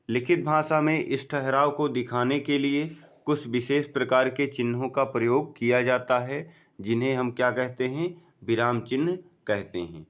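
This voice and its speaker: A man giving an exam-prep grammar lesson, slowly explaining, asking and answering his own questions, often saying "okay" and "friends". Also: fairly bright tone. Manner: drops low on the answer words. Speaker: teacher.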